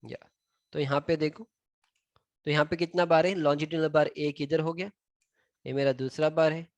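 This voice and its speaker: A man's voice: on the high side, fairly even intonation, moderate pace, darkish tone, no echo. A man with an Indian accent teaching civil engineering drawings. He switches between Hindi and English and counts items aloud as he points them out. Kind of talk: screen-recorded drawing tutorial.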